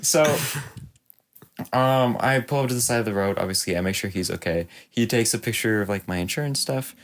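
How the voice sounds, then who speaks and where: A man's voice: fairly low pitch, brisk. A young man, a podcast co-host telling a long story in casual chat, rambling and laughing often. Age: young adult.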